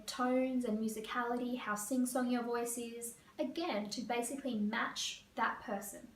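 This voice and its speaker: A woman career coach from Australia, explaining interview tips to camera in a fast, lively way. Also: fairly high pitch, a little hiss or hum. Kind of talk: teaching to camera. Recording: echoey room, voice a bit far.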